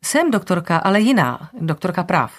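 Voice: mid-range voice, very animated. A narrator voicing a businesslike woman lawyer investigating a death, giving polite orders. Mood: brisk. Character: brisk woman investigator, lawyer, matter-of-fact.

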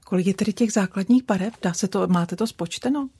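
A woman hosting a radio program in a studio, asking brief calm questions. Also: mid-range voice, breathy edge, no room sound. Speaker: radio host.

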